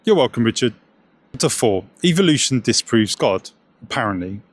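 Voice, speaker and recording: A man's voice: medium pitch, very animated, moderate pace, slightly rough, no room sound. Sarcastic man giving scripted commentary. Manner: sarcastic, jokey.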